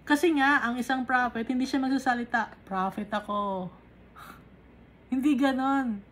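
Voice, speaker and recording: A woman's voice: high-pitched, fairly even intonation, fairly quick, fairly bright tone, rough recording. A woman teaching a Bible study sermon, reading verses in English and explaining them in mixed Tagalog and English, emphatic and rising sharply on key contrasts.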